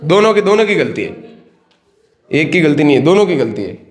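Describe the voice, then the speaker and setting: A man hosting a roast battle game, firmly telling quarrelling players to calm down and sorting out who was at fault. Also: fairly high pitch, a little fast, reverberant. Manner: firm, repeatedly calling for calm. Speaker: host and referee of a contest show.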